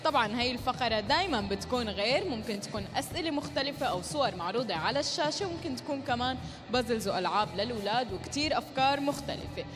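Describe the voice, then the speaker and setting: Female co-host for a live game show, Levantine Arabic accent, high-pitched, fast delivery on a handheld mic. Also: lively intonation, music in the background. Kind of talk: live game show presenting, chatting with contestants. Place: stage in a large indoor shopping mall. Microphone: handheld microphone.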